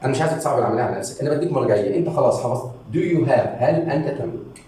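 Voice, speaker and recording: A man with an Egyptian Arabic accent, teaching beginner English. He says English phrases slowly and over again, then explains them quickly in Arabic. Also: medium pitch, lively intonation, dark tone, recorded from a distance, a little hiss or hum. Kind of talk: language lesson for beginners. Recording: echoey room, voice away from mic.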